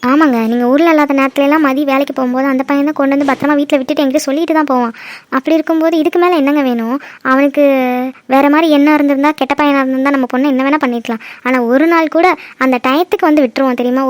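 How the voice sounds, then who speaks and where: Brief: cartoon village wife voiced by a woman, gentle, deferential, quick-talking. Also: high-pitched, steady tone, close to an everyday voice. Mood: pleading. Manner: gentle, pleading, deferential to husband. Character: middle-aged village wife and mother. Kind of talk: cartoon drama voice acting.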